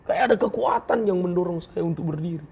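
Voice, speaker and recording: A man's voice: high-pitched, fast talker, creaky, darkish tone, breathy edge. A man giving an earnest, emotional personal testimony as an interview guest, acting out the words of others as he tells it. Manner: earnest, emotional, acts out quoted speech.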